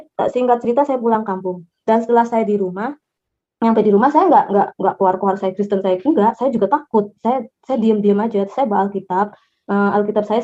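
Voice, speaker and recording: A woman from Java earnestly telling her personal faith testimony in an animated way. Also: on the high side. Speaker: testimony speaker. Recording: dull lo-fi recording.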